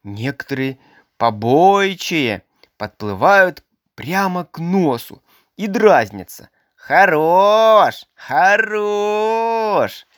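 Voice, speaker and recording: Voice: mid-range voice, very animated, slow, no echo, clean studio sound. A narrator reading a children's story aloud with expression.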